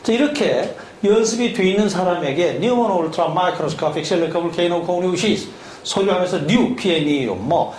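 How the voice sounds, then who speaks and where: At a normal speed, a male English teacher with a high, darkish voice drills spelling syllable by syllable. He questions the listener throughout, and the recording has an echoey room sound and faint hum.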